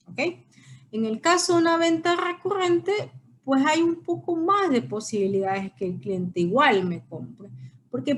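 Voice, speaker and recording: Woman teaching, high voice. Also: slight background noise. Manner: explanatory, frequent checking questions. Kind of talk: recorded online lecture.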